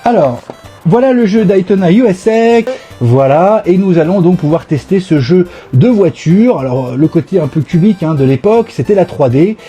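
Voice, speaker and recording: A man with a stuffy cold hosts a casual live gaming stream, talking playfully and nostalgically. His voice sits high for a man but is mellow and soft-edged. Faint music plays behind him. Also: animated, normal speed, breathy edge, highs cut off. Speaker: host.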